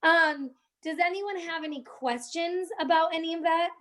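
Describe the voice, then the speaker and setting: A woman's voice: extremely high pitch, fairly even intonation, normal speed, fairly bright tone. A young woman hosting a casual live-stream tutorial, chatting with viewers in the chat as she walks them through social media tips.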